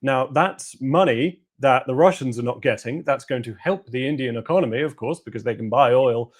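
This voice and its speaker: A man's voice: medium pitch, moderate pace. A man, a guest analyst, giving sardonic, analytical answers in a political discussion interview.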